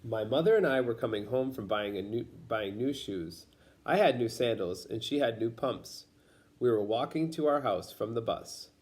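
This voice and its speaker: Reading a children's picture book aloud, this man tells the story in simple phrases for young listeners, expressive and at a moderate pace. His voice is medium in pitch with a darkish tone, in the manner of a storybook reader.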